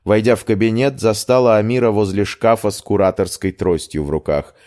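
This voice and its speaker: A man reads a first-person fantasy audiobook in a measured, even way. His voice sits low. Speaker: audiobook reader.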